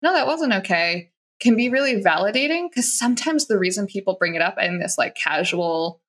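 A woman talks through workplace advice in an easy, conversational way, sprinkling in fillers. She slips into short acted-out quotes to show what someone might say. Her pitch sits in a middle range for a woman. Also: fairly quick. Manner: chatty, many "like" fillers, acts out quoted lines. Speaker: guest expert on workplace conduct.

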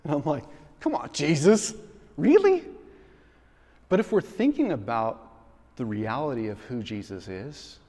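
A man preaching a sermon as pastor, telling a story with lively acted-out quotes and frequent repeated words. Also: medium pitch. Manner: animated storytelling, acting out quoted voices. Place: large room in a school. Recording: long hall reverb.

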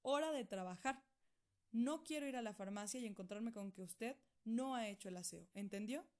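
A woman's voice: fairly high pitch, normal speed, darkish tone, natural voice. A woman voicing a strict, authoritarian middle-aged doctor uncle in a storybook reading, formal and scolding. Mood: stern.

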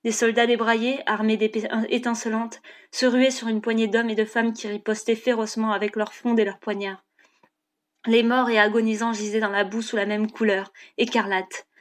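A woman narrating an audiobook chapter in a steady, measured reading. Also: fairly high pitch.

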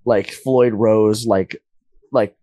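A man's voice: on the low side, fairly even intonation, extremely slow, dark tone, no room sound. Young man rambling with lots of "like". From Las Vegas, USA. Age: young adult. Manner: rambling, filler-heavy, lots of "like". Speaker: guest musician. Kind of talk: casual interview storytelling.

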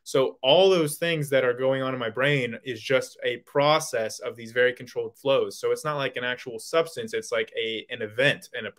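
A man's voice: medium pitch, a bit bright. A male guest in a casual call-in debate, explaining his views with lots of hedging and restarts.

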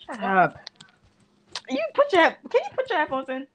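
A woman's voice: sits high, huge pitch swings, slow pace, slight background noise. A young woman in casual chat with a friend, teasing and blunt, laughing often.

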